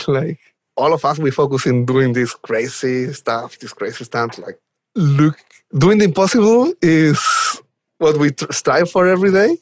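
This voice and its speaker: Here a podcast guest from Chile, a software developer advocate, talks at a measured pace in a fairly high voice. His Chilean Spanish accent comes through as he chats casually and eagerly, chuckling along, on a recording with no echo.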